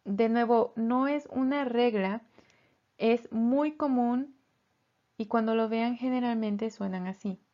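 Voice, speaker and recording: Very slow, careful woman teacher. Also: on the high side, highs cut off. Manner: slow and careful, repeating each word twice. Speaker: English pronunciation teacher. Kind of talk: slow pronunciation lesson.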